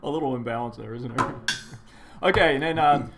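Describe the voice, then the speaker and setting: A man's voice: mid-range voice, brisk, noisy background. A male co-host chatting easily in a studio, agreeable and laughing along. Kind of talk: casual live-stream chat.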